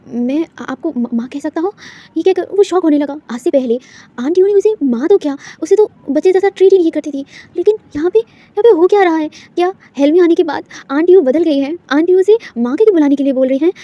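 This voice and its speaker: A woman narrating a fan-fiction story in a chatty, conversational manner. She uses fillers and mixes in English words. Her voice is high and she talks quickly. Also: mellow, no echo, lo-fi sound.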